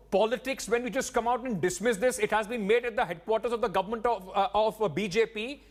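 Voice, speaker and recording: A man with an Indian accent anchoring a live TV debate, pressing his questions insistently and cutting in. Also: high voice. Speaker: news anchor and debate moderator.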